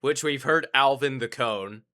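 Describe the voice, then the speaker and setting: Slow-talking guy with a really bright sharp voice, joking around on a podcast. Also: medium pitch. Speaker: podcast co-host. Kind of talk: casual podcast chat.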